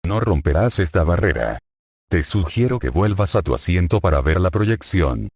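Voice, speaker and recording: Deep male tts voice doing a calm commanding mystery director, firm, dry sound. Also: husky, no room sound, heavily acted. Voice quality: firm, measured. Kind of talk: synthetic story narration.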